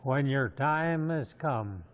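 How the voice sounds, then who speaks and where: A man's voice: medium pitch, expressive, takes it slowly. An American man in his nineties, a war veteran from Montana, reflectively recalling his past in an interview. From Montana, USA. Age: 90s. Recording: slightly dull interview sound.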